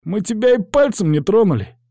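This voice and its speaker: A cowardly young street thug, whining in a raised, pleading voice, as a male reader does him. His tone stays dark and the sound dry. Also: big pitch swings, fairly quick, no echo, heavily acted. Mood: nervous. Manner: whining, high-pitched, pleading.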